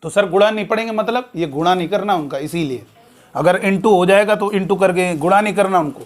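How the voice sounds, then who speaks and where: A man delivers a classroom maths lecture in a fairly high voice. He repeats each rule several times and talks to his students warmly, calling them "beta". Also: brisk. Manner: repeats key points, addresses students as beta; tells student anecdotes, acting out dialogue. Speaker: maths teacher.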